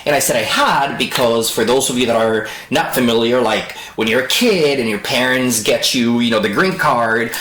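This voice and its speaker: A man's voice: medium pitch, normal speed, hardly any pauses, a bit bright. A podcast guest from the Dominican Republic, a man in his thirties. He tells his story casually and with lots of fillers. His voice rings with some echo in the room. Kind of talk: casual chat. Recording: roomy echo.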